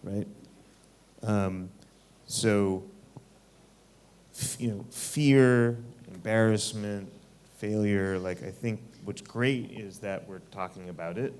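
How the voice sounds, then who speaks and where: A man speaking as a panelist at a fireside chat, measured and thoughtful, pausing on fillers. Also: on the low side, darkish tone, clear, resonant tone.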